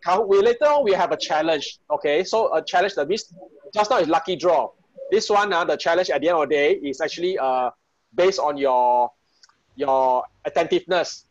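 A Singaporean man with a fairly high voice hosts an online gathering in casual Singlish. The sound is dull and lo-fi, like a video call from a room at home. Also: normal speed, no room sound. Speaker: host of an online group party. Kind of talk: casual, informal hosting with Singlish particles.

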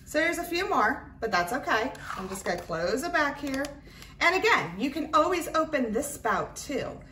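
A woman's voice: high voice, sing-song, normal speed, pushed and bright. A woman giving a casual, chatty product demonstration at a tabletop while handling small clicking items. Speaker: craft product reviewer. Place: indoors at a tabletop, roomy. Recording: roomy, distant mic, faint noise, clicking. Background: clicks and rattles of handled items.

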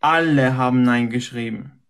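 A man's voice: mid-range voice, normal speed, smooth. A man in a heated live argument, defensive and insistent, repeating his points. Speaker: streamer in a live dispute.

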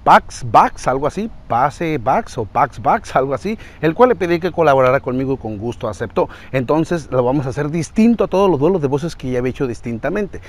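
Un hombre que presenta con entusiasmo y rapidez su video de imitaciones de voces. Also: male voice, medium pitch. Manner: fast, animated talk. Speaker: YouTube voice impressionist. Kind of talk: casual video host intro.

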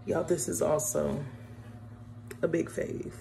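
A beauty vlogger chats casually with viewers while doing her makeup, calling them y'all and humming as she works. Her deep voice is slow, creaky and mellow, with little pitch movement and a bit of hiss or hum in the audio.

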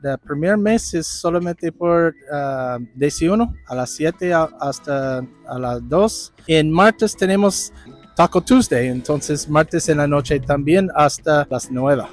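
A middle-aged English-speaking man who co-owns a restaurant, answering in halting Spanish outside the restaurant. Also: on the high side. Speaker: restaurant co-owner. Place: outdoors at a restaurant front. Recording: faint background music.

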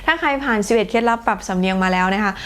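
A young woman teaching English pronunciation in a friendly, chatty way, stretching out example words slowly. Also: medium pitch, animated, a bit bright, clean tone. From Thailand. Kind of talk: online lesson explaining phonetics.

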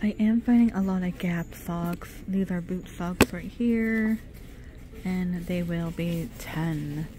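A middle-aged woman takes it slowly in a lowish voice as she films a shop-with-me vlog on her handheld phone. Wandering a department store, she reads off product names and prices in a casual way.

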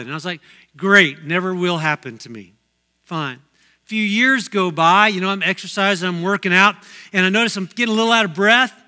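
Bright-voiced storytelling pastor, a man. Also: sits high. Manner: conversational storytelling, many asides. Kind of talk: sermon. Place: church sanctuary.

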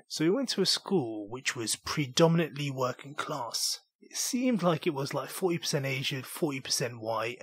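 A young British man from southeast England hosts his solo podcast, telling stories in an earnest, reflective way. He has a mid-range, husky voice and a British English accent.

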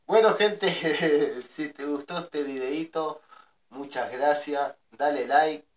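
A man's voice: a little high, steady tone, takes it slowly, distant mic. A man in his thirties with a Rioplatense Spanish accent, talking casually as an amateur YouTube host making prank calls. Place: by a brick fireplace with a wood fire. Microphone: camera a little way off.

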